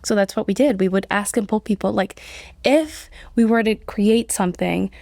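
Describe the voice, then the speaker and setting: A woman's voice: medium pitch, normal speed, gravelly, a little mellow, no echo. Woman in her 30s from colombia, chatty, says like a lot, dry studio sound. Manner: chatty, many "like" fillers, laughs often. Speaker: nonprofit CEO, guest. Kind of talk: casual interview conversation.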